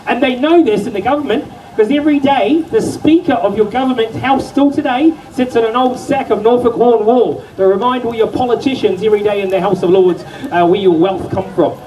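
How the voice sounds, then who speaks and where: A man's voice: extremely high pitch, fairly quick, darkish tone, slight background noise. A middle-aged man presenting a live sheep show, joking and hyping the crowd. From New Zealand. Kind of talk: live stage show patter. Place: outdoor county show stage. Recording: far from mic, music playing.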